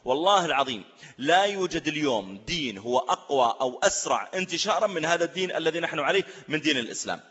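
A man preaching a sermon, telling stories in an animated way and asking rhetorical questions. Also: a little high, quick pace, husky, long reverb tail, lo-fi sound. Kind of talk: sermon with storytelling.

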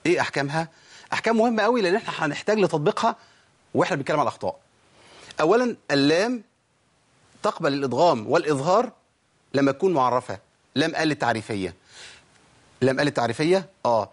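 Quick, higher-voiced Egyptian male teacher. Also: animated. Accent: Egyptian Arabic. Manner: quizzing, frequent rhetorical questions, demonstrates sounds. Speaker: Quran recitation teacher. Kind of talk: spoken lesson to students.

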